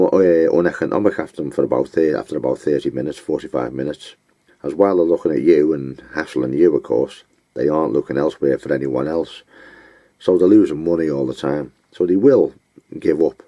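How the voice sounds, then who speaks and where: A man giving advice in an unscripted monologue, blunt and scornful, with frequent pauses and filler words. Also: rumbling low, dark tone, dry recording. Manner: blunt, scornful, name-calling; halting, with many fillers.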